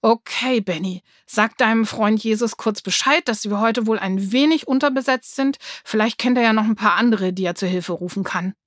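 A woman's voice: a little high, moderate pace, hardly any pauses, no echo, studio quality, natural voice. A woman voicing a bold, bossy schoolgirl. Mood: challenging. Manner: challenging, impatient.

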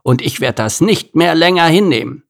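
A man's voice: a little high, animated, moderate pace, creaky, voice pushed up. A man reading a storybook and voicing a grumbling, overworked male circus gorilla who thinks himself an artist. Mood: indignant. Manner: grumbling, complaining, pompous when speechifying.

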